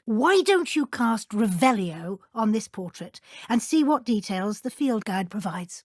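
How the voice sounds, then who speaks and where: British witch professor for a game, middle-aged, strict but encouraging, kinda high voice, very dry close recording. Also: darkish tone, no room sound. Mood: instructive. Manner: formal, precise, authoritative. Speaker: transfiguration teacher. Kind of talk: scripted video game dialogue.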